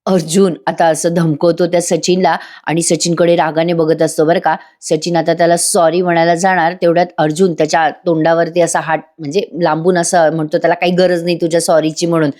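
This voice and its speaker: A woman's voice: fairly low pitch, flat delivery, fairly quick, few pauses, a little mellow. A woman giving a voice-over recap of a TV serial episode, chatting directly to her viewers. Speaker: TV serial reviewer.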